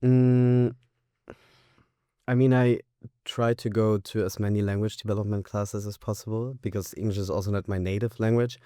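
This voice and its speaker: Brief: young man, English, very low warm voice, smooth and dry, measured and hesitant. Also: fairly even intonation, no echo. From Austria. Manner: thoughtful, hesitant with fillers. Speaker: graduate guest. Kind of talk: interview answers.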